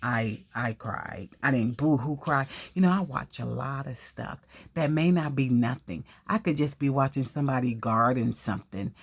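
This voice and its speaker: A woman's voice: a bass voice, normal speed, slightly rough. An older woman chatting casually to her viewers while she crafts, rambling through stories in a talkative, storytelling way. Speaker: craft vlogger.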